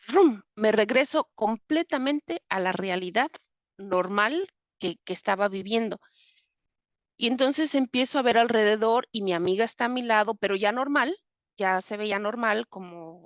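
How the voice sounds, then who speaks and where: With a fairly high voice captured in dull audio without room sound, a Mexican-accented woman tells her own story as an interview guest. Her retelling is vivid, packed with fillers and frequent restarts.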